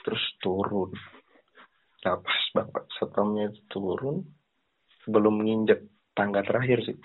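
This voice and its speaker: A man's voice: fairly low pitch, steady tone, measured pace. A man chatting on the phone as a caller, telling a story and acting out the voices of the people in it. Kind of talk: casual storytelling over the phone. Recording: tinny phone line.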